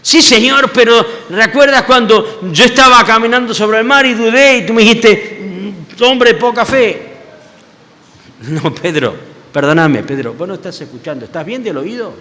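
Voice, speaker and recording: A preacher putting on a pleading, remorseful apostle. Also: male voice, sing-song, a little fast. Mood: anxious. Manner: pleading, breathless self-reproach in a higher voice. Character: remorseful, pleading male apostle, an adult fisherman. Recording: church hall with long reverb.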